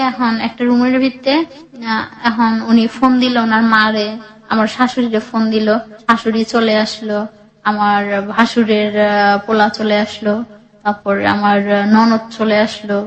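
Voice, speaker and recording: A woman's voice: fairly high pitch, muffled recording. A woman, telling her personal life story in a rambling, emotional way, full of restarts. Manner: rambling, with many restarts and acted-out quotes.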